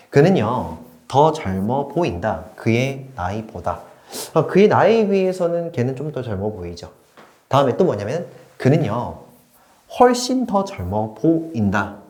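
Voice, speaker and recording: A male grammar teacher gives an online lecture at a board, his pitch rising and falling in lively swings. He keeps checking that his learners follow, slipping between polite and casual speech. The room around him rings with echo.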